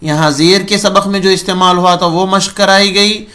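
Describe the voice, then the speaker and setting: High-voiced man teaching Quran pronunciation. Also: steady tone, bright, forceful tone. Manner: slow drawn-out syllables, repeats sounds to model pronunciation; patient, instructive. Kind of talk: recorded recitation lesson. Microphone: recording for remote students.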